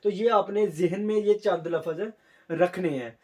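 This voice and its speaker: A man whose first language is Urdu, teaching a Korean test in a casual way, explaining step by step and sounding out words slowly. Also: sits high, mellow. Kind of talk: casual spoken lesson.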